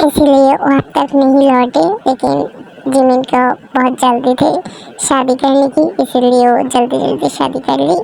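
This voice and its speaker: A woman's voice: sits high, creaky, darkish tone, rough recording. A woman casually introducing the characters of a fan dub story, mixing in English words. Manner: chatty, mixes in English words.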